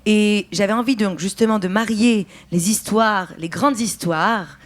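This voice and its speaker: A woman's voice: medium pitch, a little slow. Thoughtful woman, stage writer. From France. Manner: thoughtful, searching for words with restarts. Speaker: actress and writer, interview guest. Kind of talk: festival interview.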